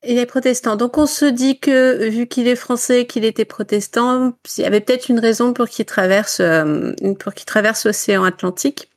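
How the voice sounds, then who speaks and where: A woman's voice: a little high, moderate pace, few pauses. A woman from northern France chatting at a book club, presenting a novel with many fillers and self-mocking asides. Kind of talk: casual book club chat.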